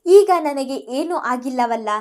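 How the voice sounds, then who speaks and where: Woman voicing a gentle, weakened mother. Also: high voice, slow. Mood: consoling. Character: weakened mother comforting her daughter.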